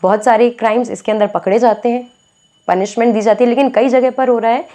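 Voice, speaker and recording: A woman's voice: a little high, fairly even intonation, quick pace, dark tone. A young woman teaching a school civics lesson in a conversational way, often checking in with her students and mixing English terms into her explanations. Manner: conversational, mixes English terms into Hindi, frequent "theek hai" check-ins.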